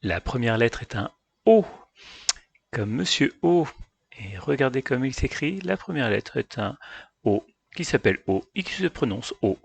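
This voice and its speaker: A man teaching a phonics lesson for young children, calmly addressing parents and carefully sounding out each letter. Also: medium pitch, normal speed, creaky, husky. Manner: addresses parents directly, calm and patient.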